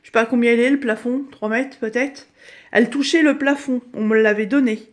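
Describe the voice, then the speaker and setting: Chatty, slightly hoarse middle-aged woman. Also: a little high, fairly even intonation, brisk. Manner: chatty, hesitant with many fillers. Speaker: crafts vlogger giving a room tour. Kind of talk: casual home tour. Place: dining room at home, indoors.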